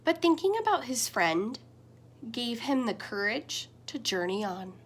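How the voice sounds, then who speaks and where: Expressive woman reading a picture book. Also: a little slow, breathy edge. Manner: gentle storytelling with expressive swings in pitch and loudness. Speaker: teacher reading aloud. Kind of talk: picture book read-aloud.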